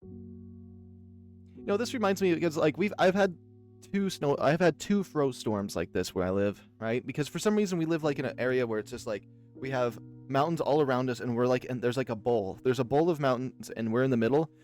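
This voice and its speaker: Playing a visual novel, this let's play host from Oregon, USA, rambles through casual anecdotes full of fillers. His mid-range voice is a little mellow and fairly quick, with soft music underneath.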